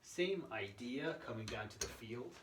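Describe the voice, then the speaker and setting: A man's voice: medium pitch, lively intonation, a little slow. A man giving an informal, step-by-step tutorial in a conversational way, checking in with the listener as he goes. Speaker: presenter of a gambling strategy tutorial. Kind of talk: informal explanatory walk-through. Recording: echoey room, distant mic, faint noise.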